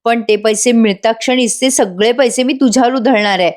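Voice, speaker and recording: A woman's voice: fairly high pitch, normal speed, darkish tone, close to an everyday voice. A woman voicing a smug young man who wheedles and sweet-talks his girlfriend. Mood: wheedling. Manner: wheedling, pleading.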